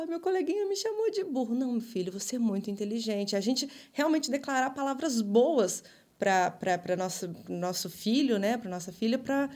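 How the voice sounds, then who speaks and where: A woman with a somewhat high voice chats as a podcast guest about raising children. She drops into quick little acted-out exchanges between parent and child as she talks. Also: a little mellow. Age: adult mother. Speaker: podcast guest, ministry leader. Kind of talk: casual podcast conversation.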